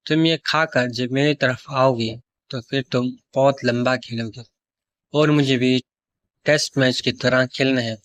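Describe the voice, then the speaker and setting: A man voicing a young woman in a story, speaking more quietly than his narration. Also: mid-range voice, fairly even intonation, smooth, no room sound, close to an everyday voice. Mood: hushed. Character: young woman narrating her own secret affair.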